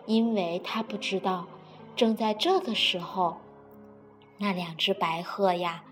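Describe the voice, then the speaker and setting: A woman narrating a children's storybook in a gentle, drawn-out storytelling manner. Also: medium pitch. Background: faint music.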